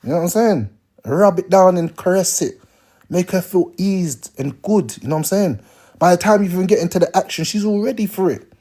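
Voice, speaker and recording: A man's voice: high-pitched, mellow. A young man, giving blunt, slangy advice to viewers on a casual livestream. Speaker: live streamer.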